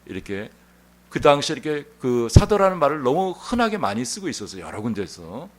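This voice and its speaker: A male pastor preaching a Sunday sermon in an animated, conversational storytelling manner. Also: medium pitch, brisk. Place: church sanctuary.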